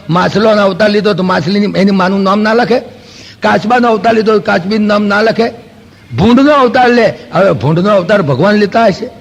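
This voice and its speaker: A man's voice: high voice, creaky, breathy edge. A man with a Gujarati accent giving a spiritual discourse, telling stories with rhetorical questions and acting out quoted dialogue. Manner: storytelling with rhetorical questions and homely examples; acts out quoted dialogue in lively asides. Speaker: spiritual lecturer. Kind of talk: Vedanta discourse. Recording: long hall reverb.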